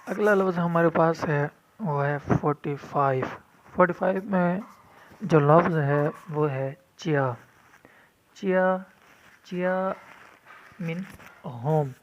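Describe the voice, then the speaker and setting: A man's voice: a little high, long pauses, a little hiss or hum. A man teaching vocabulary, repeating each new word several times in a firm drill and mixing English glosses into his explanations. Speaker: language teacher. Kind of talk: vocabulary lesson. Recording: dull lo-fi recording.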